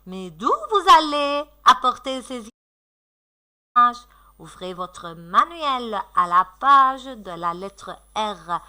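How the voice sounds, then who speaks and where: A woman teacher recording a lesson for young children, slow, sing-song and encouraging, stretching out her words. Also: a little high, lively intonation, bright, forceful tone, smooth.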